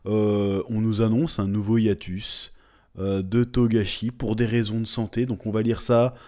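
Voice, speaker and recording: A man's voice: on the low side, flat delivery, a little slow, warm tone. A man hosting a casual manga news video, talking with exaggerated, mock-dramatic emphasis and frequent hesitations. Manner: frequent "euh" hesitations, chatty and blunt. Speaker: host of a manga channel.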